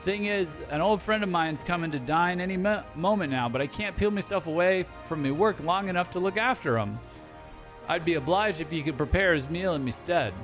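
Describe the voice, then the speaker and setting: A gruff, harried cook growls through rough pirate dialect in this game scene, as a man puts him on. He drops his words and sounds a touch high. Faint music plays underneath. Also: a little fast, a bit bright. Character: gruff male pirate-talking cook, busy.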